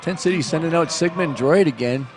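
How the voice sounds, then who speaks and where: A man adds color commentary to a live roller derby stream. His voice sits a little high for a man. He trades dry one-liners and often restarts his sentences. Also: over music. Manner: dry joking, halting with restarts.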